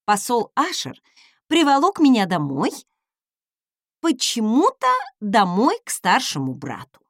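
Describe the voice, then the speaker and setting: Slow, highly expressive woman narrating an audiobook. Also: no room sound, studio quality. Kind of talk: first-person audiobook narration.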